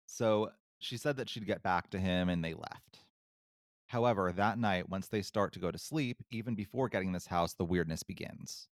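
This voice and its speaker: A man's voice: sits low, normal speed, no echo, studio quality. A man casually retelling a spooky true story as a podcast co-host, with wry, sarcastic asides.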